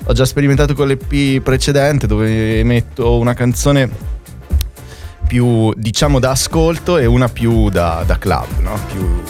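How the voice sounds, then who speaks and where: A man's voice: medium pitch, measured pace, over music. A man from Italy speaking as a guest musician in a casual interview, often checking with little tag questions.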